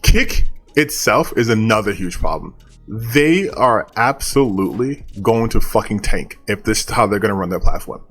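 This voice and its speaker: A man's voice: on the low side, animated, moderate pace, fairly bright tone, soft background music. A male online commentator talking casually and bluntly, dismissive and opinionated, with some casual swearing.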